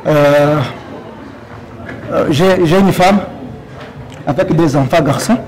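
A young man from Congo giving a campaign speech for a youth post, halting, with many fillers and restarts, at a stand mic in a large hall. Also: fairly high pitch, a little mellow, a faint crowd, slight background noise. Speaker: candidate for youth leadership. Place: large plain hall, indoors.

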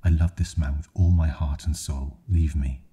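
A man's voice: a bass voice, steady tone, normal speed, warm tone, breathy edge, exaggerated voice. A man voicing a defiant young farm woman. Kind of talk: ASMR storytelling.

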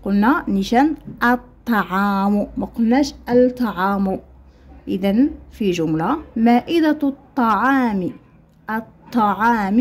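A woman with a Moroccan Arabic accent teaching primary school children an Arabic lesson, slowly spelling out letter sounds and mixing standard Arabic with Moroccan dialect. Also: on the high side, darkish tone, slightly rough. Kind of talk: explaining a textbook lesson to children.

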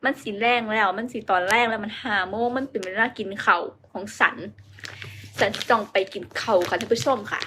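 A woman's voice: medium pitch, fairly even intonation, a little fast, pushed and bright, slight background noise. A young woman with a Northeastern Thai accent, chatting playfully on a casual livestream and joking about her mixed dialects. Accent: Northeastern Thai (Isan). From Northern Thailand. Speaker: idol livestreamer.

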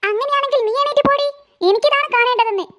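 A woman's voice: very high-pitched, fast talker, a bit bright. A woman voicing a cheeky, stubborn little girl in a cartoon who mocks and defies her sister. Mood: defiant. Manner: mocking, defiant, sassy. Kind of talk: cartoon voice acting.

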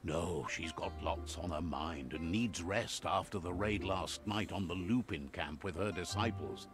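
A man voicing a game's storybook narrator who relays a creature's words in calm, scripted narration. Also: sits low, a little slow. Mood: solemn. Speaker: game narrator. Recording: music behind.

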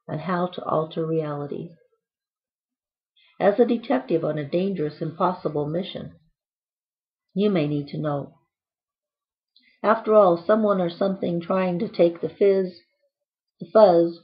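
A woman's voice: on the low side, lo-fi sound. Playful woman reading her own book. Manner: playful, whimsical, quirky asides.

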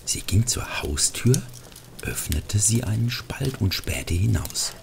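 A middle-aged man reading a Christmas storybook aloud, gentle and hushed at times, with lively swings into character voices. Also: takes it slowly, creaky. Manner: gentle, hushed, drops to a whisper in places; lively character voices rising high for quotes. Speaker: narrator. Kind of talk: scripted storybook narration.

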